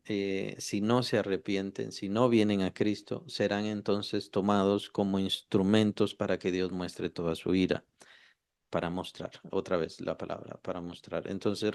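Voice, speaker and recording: A man's voice: on the low side, steady tone, moderate pace, gravelly, few pauses, a little mellow. A man leading a Bible study, often repeating key words, rephrasing himself and asking rhetorical questions.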